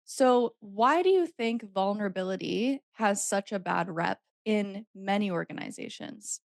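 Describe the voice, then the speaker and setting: A woman's voice: mid-range voice, measured pace, vocal fry, dry recording, clean studio sound. A woman hosting a podcast, asking a guest questions in a conversational way. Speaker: podcast host. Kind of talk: casual interview.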